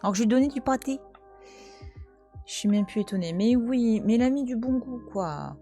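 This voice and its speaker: A woman's voice: a little high, lively intonation, moderate pace, mellow, soft background music. A French woman in her thirties, chatting casually and teasingly on a live stream from home, talking back to her chat. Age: 30s. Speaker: Twitch streamer. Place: at home, cat nearby.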